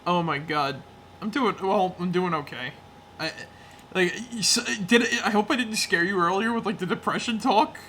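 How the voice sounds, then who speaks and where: A man's voice: high voice, moderate pace, pushed and bright, a little hiss or hum. A man hosting a game stream, chatting casually with friends, laughing often and rambling.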